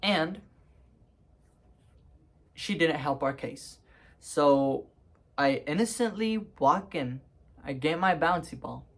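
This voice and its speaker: A man's voice: on the high side, animated, slow pace, pauses often. A young man telling a story to camera in a casual, rambling way, with lots of ums and restarts. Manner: rambling, lots of fillers and restarts, laughs at himself.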